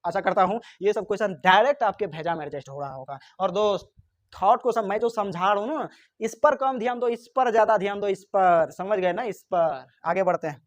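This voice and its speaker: Brisk and high-pitched, a man teaches physics exam questions one by one, heard through lo-fi sound. He ribs and scolds his students, sometimes stepping in to answer for them in their voice.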